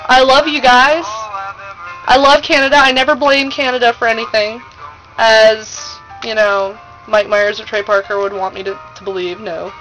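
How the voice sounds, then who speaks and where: High-pitched American woman, gushing casual vlogger. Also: fairly bright tone, rough recording. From United States. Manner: gushing, slangy, emphatic. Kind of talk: casual chatty vlog monologue. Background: music playing.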